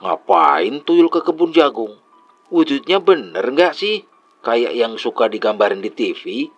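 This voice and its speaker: A man's voice: medium pitch, lively intonation, unhurried, gravelly, dull audio, soft background music, voice pushed up. A man voicing a curious grown man who keeps asking questions, in a storytelling dialogue. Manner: inquisitive, questioning. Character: curious adult man, the listener and history fan.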